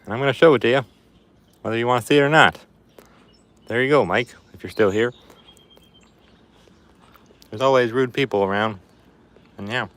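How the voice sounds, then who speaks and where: Putting on an Appalachian hillbilly twang to mask his voice, a man chats casually from a backyard while reading out comments from his livestream viewers. His voice is mid-range and a bit bright, moving at a moderate pace with many pauses.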